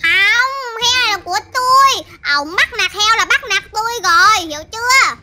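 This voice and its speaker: A woman voicing a stubborn, soft-hearted young girl who protects a piglet in a game role-play. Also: very high voice, lively intonation, moderate pace, heavily acted. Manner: stubborn, pleading.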